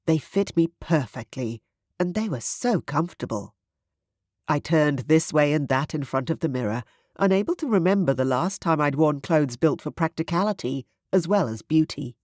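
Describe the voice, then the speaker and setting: An audiobook narrator with a synthetic-sounding voice reading first-person romance fiction in a smooth, even manner. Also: mid-range voice, normal speed, dry recording, clean studio sound.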